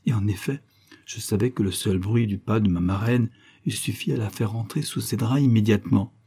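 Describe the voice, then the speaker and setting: Low, husky male audiobook narrator. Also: fairly quick, dark tone. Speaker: audiobook reader. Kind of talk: scripted literary narration.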